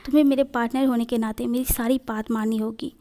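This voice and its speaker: A woman's voice: fairly high pitch, steady tone, fast, mellow, natural voice. A woman voicing a cruel, possessive young man in a storybook reading, speaking harshly and giving orders. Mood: cold. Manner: harsh and commanding.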